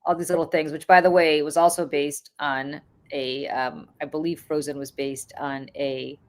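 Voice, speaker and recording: A Russian-born woman in her forties hosts a podcast, chatting casually and laughing her way through her stories. Her voice is low, her tone level, and her speed normal.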